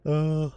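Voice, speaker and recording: A man doing casual live-stream game commentary in a halting, rambling way, swearing offhand. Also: warm tone, no room sound. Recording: clearly noisy home stream recording. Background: background noise, cat scratching at door.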